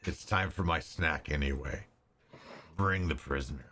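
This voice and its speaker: A man's voice: a bass voice, normal speed, pushed and bright, a little hiss or hum, voice pushed down. A man voicing a huge, haughty, hungry dragon with an imperious, menacing manner in a tabletop game.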